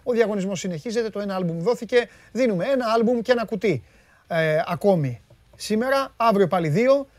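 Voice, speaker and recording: A man's voice: high voice, lively intonation, a little mellow, dry recording. A man hosting a live sports show, joking with viewers and teasing his guest. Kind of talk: lively live-stream chat.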